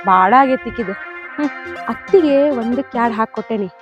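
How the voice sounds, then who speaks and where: A woman's voice: fairly high pitch, fairly quick, lo-fi sound, music in the background. A woman with a North Karnataka accent acting a complaining young wife in a village comedy skit, whining and then plotting in asides. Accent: North Karnataka Kannada.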